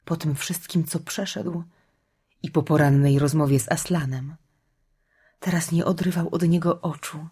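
A woman narrating an audiobook with steady, grave storytelling, sinking to a whisper at the hushed parts. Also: low-pitched, measured pace, husky.

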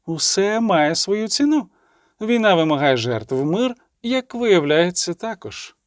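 Resigned, serious elf queen, read by a man for an audiobook; slow, slightly high, dry. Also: very animated, no room sound. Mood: grave.

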